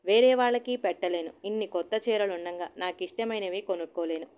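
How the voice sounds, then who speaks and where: Sharp-tongued middle-aged wife and mom, testy and sulky, as a woman reads her lines. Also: medium pitch, brisk, smooth, natural voice. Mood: irritable. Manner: sharp, peevish complaining. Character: irritable middle-aged housewife and mother.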